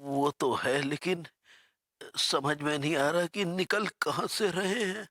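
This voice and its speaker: A man's voice: fairly high pitch, slow pace, pushed and bright, no room sound, studio quality, exaggerated voice. An actor playing a jittery, whiny middle-aged husband scared of a ghost, stammering as he talks. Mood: puzzled. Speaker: frightened neighbour in a TV sitcom. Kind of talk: sitcom acting.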